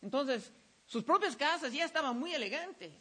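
A middle-aged man preaching a sermon, reading Bible verses slowly and telling a lively story from his week. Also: extremely high pitch. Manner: lively storytelling, says he was shouting. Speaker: pastor.

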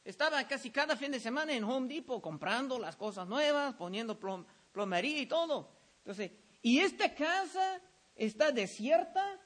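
High-voiced man preaching a sermon. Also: normal speed. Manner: lively storytelling, says he was shouting. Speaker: pastor. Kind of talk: sermon with Bible reading.

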